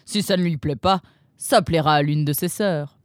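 A self-assured male fox minister speaks in slow, grand, unbothered phrases, as a woman narrator puts him on. The storybook reading is dry and close. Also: low-pitched, no room sound, natural voice. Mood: breezy.

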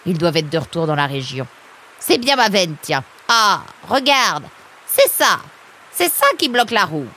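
A woman voicing a fussy, excitable female animal who keeps a mill, exclaiming in a high voice. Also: fast talker, few pauses, a little hiss or hum, close to an everyday voice. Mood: fretful. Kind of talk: storybook character voice.

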